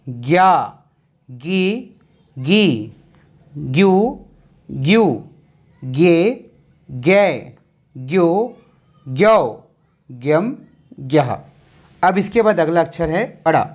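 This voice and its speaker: Reading out a Hindi syllable chart for young children, a teacher goes slowly and calmly, repeating every sound one step at a time. The voice sits at medium pitch, and the high frequencies are cut off.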